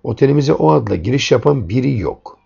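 A man's voice: mid-range voice, animated, a little fast, creaky, dark tone, husky, full character voice. A man voicing a curt young woman hotel receptionist, polite but firm and clipped, in a dull lo-fi recording.

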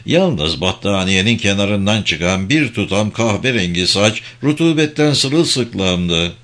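A man narrating a novel as an audiobook, in a measured, expressive storytelling manner. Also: fairly low pitch.

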